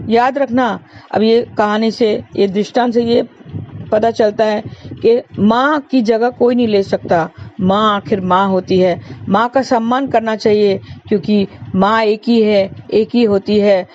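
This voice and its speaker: A woman's voice: mid-range voice, steady tone, a little slow, a little mellow, muffled recording, a little hiss or hum. Earnest woman telling a moral story. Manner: repetitive, earnest, preachy.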